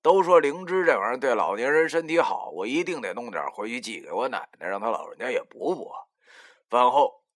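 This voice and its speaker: A man narrating a first-person audiobook in a lively, colloquial, wry manner, with casual cursing. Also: on the low side.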